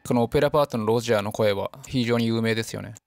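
A man's voice: medium pitch, racing, vocal fry. A man giving an enthusiastic, chatty music analysis commentary, breaking down chords between piano demos. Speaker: music explainer. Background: piano and song excerpts.

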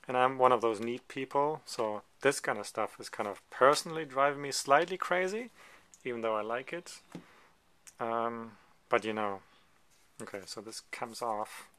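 A man with a fairly low voice chats through a photo book page by page, loose and unscripted, pausing often on ums and wandering into asides. He sounds close to a camera mic at a table indoors, with a faint hiss underneath. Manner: relaxed, hesitant, many ums and digressions. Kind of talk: casual show-and-tell commentary.

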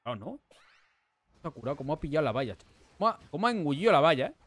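A man with an accent from Spain giving live gameplay commentary, excitable and repeating himself, breaking into shouts. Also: a little high, rapid-fire. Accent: Spain Spanish. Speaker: gaming streamer.

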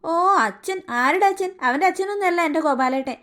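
A mean, haughty cartoon aunt, played by a woman who bullies the children and scolds and threatens them with scorn. Her voice sits very high. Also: a little fast, a bit bright. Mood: scornful. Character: scheming haughty adult aunt, mean and bullying. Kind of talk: cartoon story voice acting.

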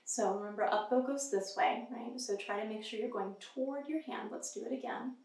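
A woman's voice: fairly high pitch, a little fast, darkish tone. Encouraging woman violin teacher, roomy sound. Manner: patient, encouraging, counts beats aloud. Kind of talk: instructional lesson. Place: room with a carved wooden screen, indoors. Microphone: far camera. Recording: roomy, distant mic with violin playing.

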